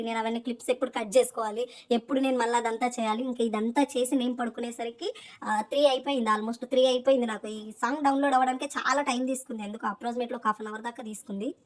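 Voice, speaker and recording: A young woman with a Telangana Telugu accent, chatting in a casual vlog voice-over and telling a family story, mixing in English words. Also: on the high side. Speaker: vlogger.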